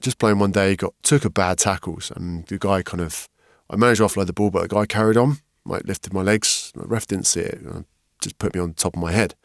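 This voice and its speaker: A man, a podcast guest, telling his story candidly and frankly, getting animated when he quotes other people. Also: deep voice, a little fast, creaky, hardly any pauses, dry recording, clean studio sound. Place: podcast studio.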